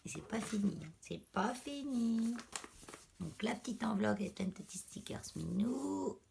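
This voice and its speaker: A woman chatting casually as she unboxes craft mail. She is losing her voice, exclaims softly and often drops to a whisper. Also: medium pitch, lively intonation, fairly quick, gravelly, slight background noise. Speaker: crafting vlogger.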